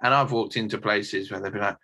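A man's voice: fairly low pitch, fairly even intonation, brisk, bright, forceful tone, breathy edge. A man co-hosting a podcast, chatting casually and swearing with a laugh. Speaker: podcast co-host, tour manager. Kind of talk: casual chat.

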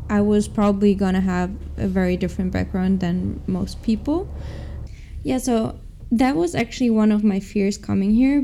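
Her voice mid-range and warm, a young former pro athlete turned MBA student responds to interview questions. The answers come out upbeat yet hesitant, with plenty of restarts.

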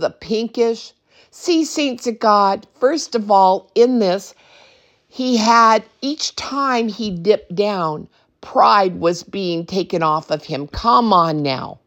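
A woman preaching a sermon, emphatic and drawn out, calling out to the congregation with asides. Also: medium pitch. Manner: slow, emphatic preaching with call-and-response asides.

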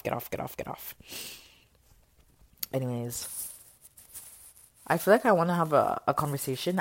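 A woman's voice: rumbling low, a little mellow, no room sound. A young woman, rambling through a casual podcast vent with loose, candid chatter and lots of fillers, recorded on phone earphones at home. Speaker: podcast host. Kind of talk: casual venting monologue. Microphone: earphone mic into a phone voice memo.

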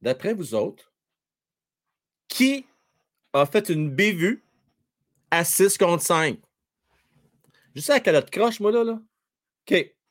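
A middle-aged man with a Québécois accent doing live fan commentary on a hockey game, shouting at plays and then dropping to a mutter while chatting with viewers. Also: high-pitched, big pitch swings, takes it slowly, pauses often. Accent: Québécois French.

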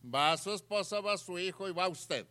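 A man's voice: high voice, expressive, moderate pace, sharp tone. A man preaching a sermon, putting questions to his listeners and repeating his points for emphasis.

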